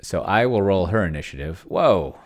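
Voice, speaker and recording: A middle-aged man speaks at normal speed in a low-pitched, animated voice with a darkish tone. As a streamer and solo role-player, he thinks aloud on his live stream, muttering in bits and pieces while keyboard typing is heard in his small indoor home room.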